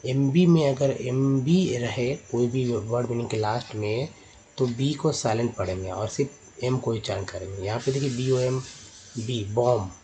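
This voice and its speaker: A man's voice: medium pitch, normal speed, mellow. A man teaching English pronunciation, explaining step by step, repeating words and correcting himself as he goes. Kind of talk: explanatory lesson.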